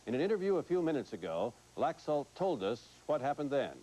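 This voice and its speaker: A man anchoring a TV news broadcast in a measured, clear delivery. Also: mid-range voice, sing-song, dark tone, low-quality recording.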